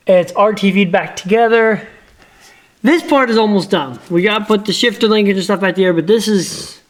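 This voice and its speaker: A man vlogging casually from his home garage as he works on his car. He is tired and out of breath, chats freely, laughs often and keeps apologizing. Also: high-pitched.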